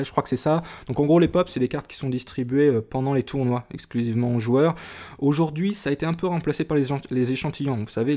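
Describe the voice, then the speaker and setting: Excited man unboxing cards, full of wonder. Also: medium pitch. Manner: enthusiastic, often exclaims in wonder; hesitant, many fillers and restarts. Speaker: YouTuber opening a trading card tin. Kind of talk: casual unboxing commentary.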